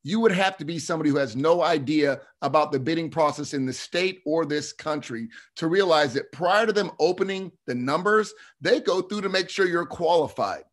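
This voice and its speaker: A middle-aged man with a slight lisp and slushy s sounds, presenting testimony in a halting, frank, self-correcting way on a video call. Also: on the high side. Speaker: state legislator presenting a bill. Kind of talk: committee testimony, semi-formal explanation.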